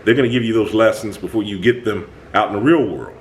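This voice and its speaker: On his own channel, a man talks to himself about a personal conflict, reflecting aloud in an emphatic, animated way. His booming voice races along, and he keeps restarting sentences. The audio quality is poor.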